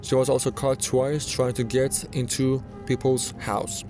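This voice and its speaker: A man's voice: medium pitch, flat delivery, unhurried. A man reading scripted narration for a countdown video. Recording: music under the voice. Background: background music.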